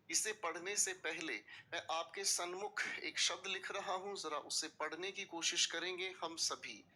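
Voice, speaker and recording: Man, teacher, bright clear voice, patient explanations, asks class to repeat, faint noise. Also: high voice. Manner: mixes English terms into Hindi explanation. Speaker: English vocabulary teacher. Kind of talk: classroom-style video lecture.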